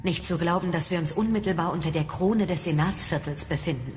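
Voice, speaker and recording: Woman playing a coolly critical master, German radio play, lowish pitch, cavernous echo, faint music. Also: a little fast, a little mellow, natural voice. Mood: musing. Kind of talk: German audio drama acting.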